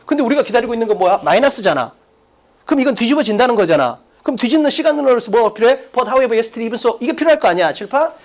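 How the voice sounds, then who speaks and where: A man's voice: very high voice, animated, quick pace. A man teaching an exam-prep English lesson in a classroom, blunt and full of rhetorical questions, with crude slang mixed in. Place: classroom in front of a blackboard.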